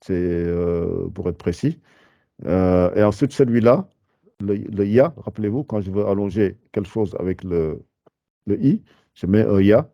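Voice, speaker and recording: Low, mellow man teaching patiently. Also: gravelly, no room sound, dull audio. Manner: patient, halting, with frequent fillers and restarts. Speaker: Arabic teacher. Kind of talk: explaining a beginner lesson.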